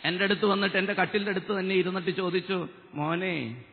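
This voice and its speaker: A man in his thirties giving an impassioned testimony at a Bible convention on stage, into a stand microphone, swinging between loud and soft. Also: sits high, little pitch movement, very fast. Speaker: lay preacher giving testimony. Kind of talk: fervent convention sermon. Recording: echoey convention hall, tinny narrow broadcast.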